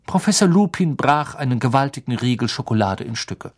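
A man reads a story aloud in measured, steady narration. His voice has a husky, slightly breathy texture. The pitch sits in an ordinary middle range for a man. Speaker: audiobook narrator. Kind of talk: scripted narration.

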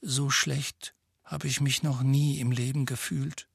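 A miserable teenage boy who blames himself, in a storybook, as a man puts him on. He mumbles glumly, voice dull and low in energy. Slightly higher than the reader's own tone. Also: fairly even intonation, measured pace, dry recording, clean studio sound. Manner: mumbling, glum.

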